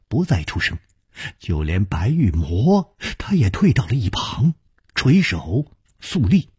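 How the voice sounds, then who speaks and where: Slow, expressive male storyteller with a husky voice and dry sound. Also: no room sound. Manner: dramatic, unhurried, wide pitch swings. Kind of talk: traditional oral storytelling.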